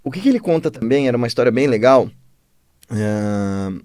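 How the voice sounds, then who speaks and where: A man with a Brazilian accent, a philosopher and podcast guest who explains ideas with the lively manner of an animated storyteller. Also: medium pitch, a little fast, no echo, studio quality.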